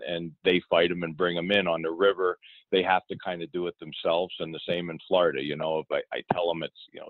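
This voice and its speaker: Speaking deeply and easygoingly, a middle-aged fishing guide fields interview questions while out in a boat on the water, often repeating words and beginning sentences again. The sound has no echo and comes through a tinny, phone-style line.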